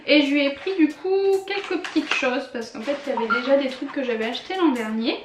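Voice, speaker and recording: Young woman vlogger, high bright voice, gushing and chatty, echoey home room with faint music. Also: fairly quick, noisy background. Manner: chatty, enthusiastic, frequent fillers and laughs. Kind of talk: casual haul vlog.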